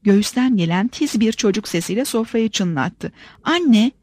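A woman narrating an audiobook in a steady, measured reading. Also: mid-range voice, dry recording. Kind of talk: scripted narration.

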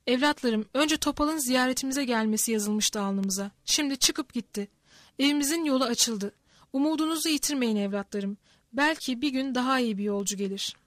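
Woman voicing a stern old male elder, grave and measured; high pitch, dry close mic. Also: dry recording, close to an everyday voice.

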